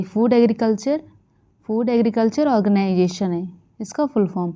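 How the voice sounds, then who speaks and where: Here an Indian woman teaches current affairs to exam candidates, often repeating the main facts and leaning on filler words. She sounds a little high and mellow, captured on a dull, lo-fi recording.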